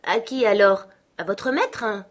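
A woman reader voicing a spoiled, haughty young girl who is quick to tears, speaking imperiously. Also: mid-range voice, voice pushed up, lightly acted. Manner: imperious, indignant. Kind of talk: audiobook character voice.

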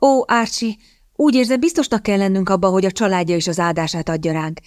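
A woman's voice: mid-range voice, a little mellow, dry recording, studio quality, natural voice. A woman reading the part of a scheming young woman, putting on feigned, theatrical desperation. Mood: pleading. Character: scheming young woman seeking a rich husband. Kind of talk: audiobook character reading.

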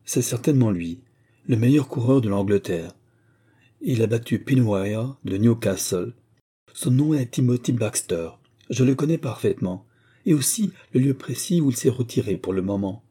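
A man's voice: mid-range voice, lively intonation, normal speed, mellow, breathy edge. A man voicing a sly, knowing prisoner who offers to track a thief, speaking deferentially in an audiobook. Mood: eager.

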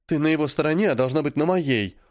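Weepy, whiny young sister, high and sobbing, read by a man in an audiobook. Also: fast, natural voice.

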